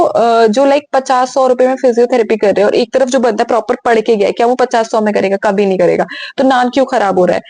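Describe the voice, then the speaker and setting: A woman's voice: fairly high pitch, a little mellow, no room sound. A young woman hosting a physiotherapy advice channel, answering viewer questions in a frank, direct, casual way. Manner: frank, direct, mixes English words into Hindi.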